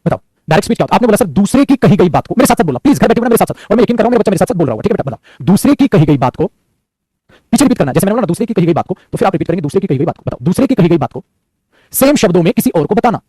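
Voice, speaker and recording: High-voiced man teaching grammar super fast, animated, repeats himself, dry close mic. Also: breathy edge, no echo. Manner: animated, repeats lines, calls students "beta" and "putra". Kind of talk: online grammar lesson.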